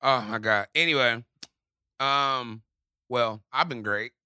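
A man co-hosting a podcast, laughing through animated, joking banter in a studio. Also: mid-range voice, slow, clear, resonant tone, no echo. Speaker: podcast co-host. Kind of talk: casual chat.

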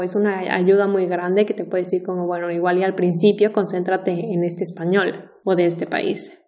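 A woman's voice: medium pitch, a little mellow. A woman co-hosting a Spanish-learning podcast, chatty and thinking aloud with many fillers and restarts. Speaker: Spanish teacher and podcast co-host. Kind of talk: casual podcast conversation.

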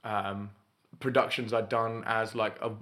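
A man's voice: fairly low pitch, flat delivery, unhurried, fairly bright tone. A man, co-hosting a podcast in casual, rambling chat with a wry, self-deprecating edge. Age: 20s. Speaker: podcast co-host.

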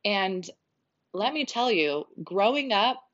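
A woman's voice: mid-range voice, expressive, slow pace. A young adult woman hosting her own podcast, talking earnestly and chattily in a monologue with plenty of filler words. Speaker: podcast host. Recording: slightly dull lo-fi sound.

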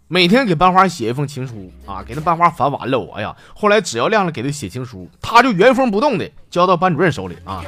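A man with a Northeastern Mandarin accent rattles off comic anecdotes as a radio host. His pitch swings wildly and his pace is brisk, with teasing punchlines, over faint background music. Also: a bit bright. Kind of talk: comic storytelling.

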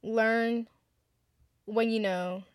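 This podcast host, a woman aged twenty-one, speaks to her audience in a candid, heartfelt, chatty monologue, drawing out her words. Her voice is on the high side with fairly even intonation and a clean tone, recorded in a clean studio without room sound.

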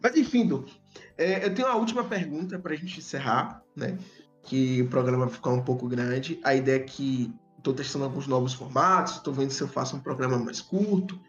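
A man's voice: mid-range voice, brisk. A man hosting a casual podcast with a tongue-tied, slushy lisp, stumbling over and repeating words in a self-deprecating way. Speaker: podcast host. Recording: dull lo-fi audio, background music.

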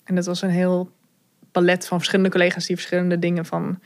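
A woman telling her own story, thoughtful and candid, pausing with fillers and small laughs. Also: on the low side, completely flat delivery. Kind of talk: personal account, reflective.

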